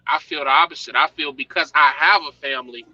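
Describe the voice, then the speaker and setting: A man co-hosting a podcast, swearing freely and animated as he tells stories. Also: a little high, fast, no room sound, dull audio. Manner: animated, swearing, acts out quoted people. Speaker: podcast co-host. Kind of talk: casual podcast discussion.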